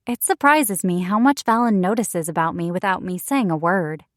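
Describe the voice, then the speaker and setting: Female audiobook narrator, slightly low voice, expressive and wry first-person romance reading, close and dry studio sound. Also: moderate pace, dry recording.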